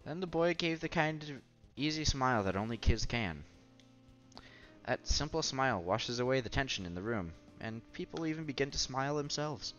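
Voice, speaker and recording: A man with a medium-pitched, fairly bright voice reads a visual novel aloud at a moderate pace, his intonation lively. As a let's play narrator, he slips wry asides of his own between stretches of narration. The recording sounds slightly dull, with music playing behind him.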